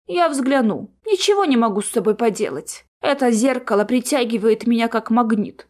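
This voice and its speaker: A woman voicing a soft-spoken, apologetic young man in glasses, in an audiobook reading. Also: very high voice, animated, moderate pace. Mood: resigned. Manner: soft, resigned, earnest.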